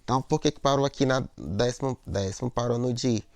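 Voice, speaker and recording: A man's voice: mid-range voice, a little fast, dry recording. A man teaching a lesson on poetic meter, explaining step by step, repeating words, and checking in with "né?" and "ó".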